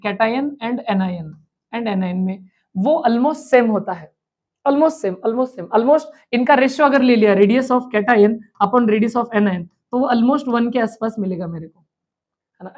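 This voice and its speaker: A woman teacher giving an exam revision lecture. She asks questions aloud and answers them herself, and she slowly repeats key terms. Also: on the high side, darkish tone. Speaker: chemistry teacher.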